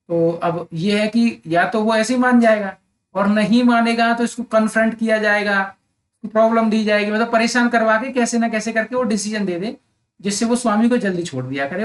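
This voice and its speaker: A male literature teacher walks his students through a novel chapter. He reads each English summary line slowly and deliberately, then explains it in a chatty, conversational way, often adding little check-in questions for his listeners. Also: sits high. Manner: frequent tag questions to the listener.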